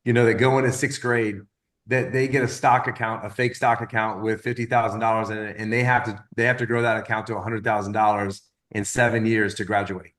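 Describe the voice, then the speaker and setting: A man in his fifties giving casual motivational coaching, rambling and often repeating words as he tells lively stories. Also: fairly low pitch, a little fast. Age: 50s. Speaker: wellness business coach.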